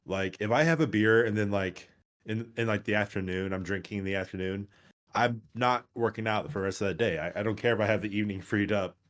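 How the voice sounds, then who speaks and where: Young man, very low voice, podcast co-host, teasing, joking, profane. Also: a little fast, fairly bright tone. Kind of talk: casual chat.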